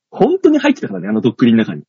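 A middle-aged man hosting a chat show, telling a comedy story in a casual, animated way and acting out the scenes. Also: on the high side, vocal fry, husky, no echo. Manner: animated, acts out scenes, laughs at his own story. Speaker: comedian and radio show host. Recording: dull, dry studio sound.

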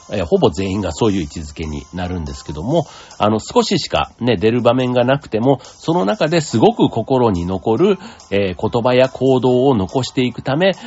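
A low-voiced man with a husky edge rambles through a relaxed solo talk, his pitch rising and falling in lively swings. The sound is dull and lo-fi, with faint music underneath. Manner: relaxed, rambling, many fillers. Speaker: podcast host.

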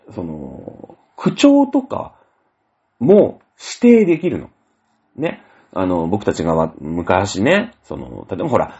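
A man's voice: mid-range voice, mellow, breathy edge. A man hosting a casual solo talk show, rambling through a story with many fillers. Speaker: host. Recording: dull lo-fi audio.

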